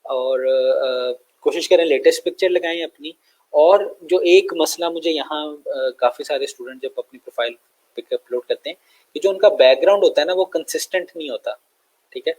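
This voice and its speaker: A young man with a Pakistani Urdu accent explaining step by step in a screen-share tutorial, relaxed and full of fillers and check-ins. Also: fairly high pitch, normal speed, rough recording. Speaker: online tutor.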